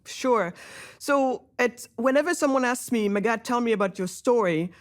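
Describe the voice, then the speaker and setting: A woman's voice: fairly high pitch, normal speed. A woman from Senegal, a guest in an interview, telling her story in a blunt, direct way. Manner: blunt, direct, animated when arguing.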